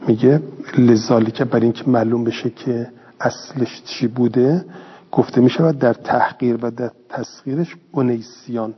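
A man teaching a lesson who reads a phrase slowly, then explains it quickly in plain speech, asking and answering his own questions. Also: medium pitch, fairly even intonation, husky. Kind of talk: classroom lesson reading and explaining a text. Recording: lo-fi recording with long reverb.

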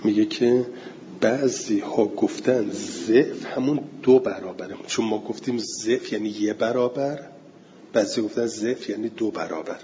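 A man teaching a class, explaining word meanings step by step, asking and answering his own questions and slowing down to recite verse. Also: fairly low pitch, dark tone, long reverb tail, muffled recording, a little hiss or hum. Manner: slows down to recite Arabic verse and terms.

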